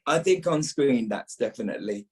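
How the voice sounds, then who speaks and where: An actor appears as a guest on a reflective podcast interview, speaking at a medium pitch and moderate pace with an expressive, darkish tone. He emphasizes his points by repeating words.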